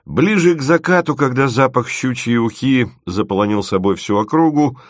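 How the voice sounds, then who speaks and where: A man reading a story aloud in even, wry scripted narration. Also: mid-range voice, moderate pace, no room sound, studio quality. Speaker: audiobook narrator.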